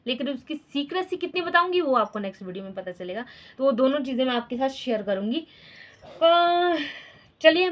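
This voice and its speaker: A woman in her thirties from India, casually chatting to her followers, confiding and laughing as she talks. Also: fairly high pitch. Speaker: vlogger.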